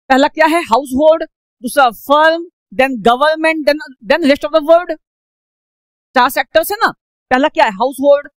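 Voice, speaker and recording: A woman's voice: sits high, no echo. A woman teaching an economics lesson, repeatedly asking questions and answering them herself, mixing English phrases into her talk. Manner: mixes English phrases into Hindi speech. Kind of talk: classroom economics lecture.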